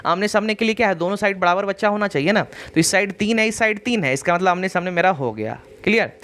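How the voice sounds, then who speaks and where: A man teaching an online exam-prep reasoning lesson, repeating points and checking understanding with "clear?". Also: high voice, expressive, quick pace, a bit bright.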